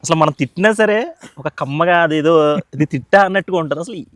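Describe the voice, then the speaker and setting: Man, interviewer, Godavari accent, a bit high voice, dry sound, respectful, says sir. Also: quick pace, dry recording. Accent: Godavari Telugu. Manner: warm, full of praise, says sir often. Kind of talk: casual interview questions.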